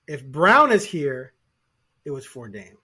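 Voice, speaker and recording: A man's voice: a little high, big pitch swings, slow pace, bright, forceful tone, husky. A man co-hosting a sports podcast in casual chat, rambling and acting out quoted voices.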